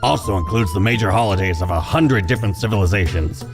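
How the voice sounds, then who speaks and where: An actor voicing a boastful male pirate merchant in a video game, using old-timey pirate slang and a drawn-out storytelling manner. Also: lowish voice, over music, natural voice.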